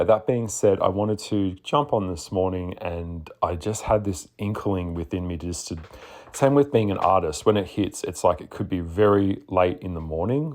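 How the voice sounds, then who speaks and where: A man with a deep, husky, just-woken voice, chatting casually as a podcast host in a sassy, blunt way. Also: darkish tone. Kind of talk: casual spoken monologue.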